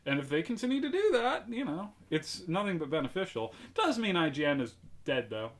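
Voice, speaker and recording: Young male podcast co-host, opinionated and argumentative, slightly high voice. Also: very animated, fairly quick. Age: young adult. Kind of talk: casual chat.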